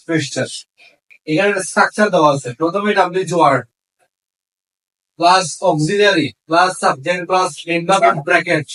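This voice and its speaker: High-voiced male English teacher, off-mic. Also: a bit bright, distant mic, rough recording. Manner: asks the class questions and repeats answers. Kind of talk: classroom lesson, mixing Bengali and English.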